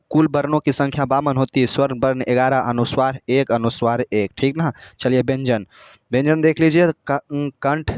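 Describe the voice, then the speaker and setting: Male teacher, mid pitch, call-and-response drilling, dry room. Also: smooth, no echo. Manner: repetitive call-and-response questioning; coaxing students with pet names. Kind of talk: grammar lesson lecture.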